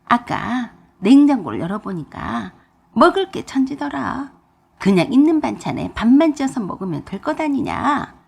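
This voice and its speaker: Woman doing a shrill stubborn old mother-in-law, loud nagging, lively swoops, raspy edge. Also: moderate pace, heavily acted.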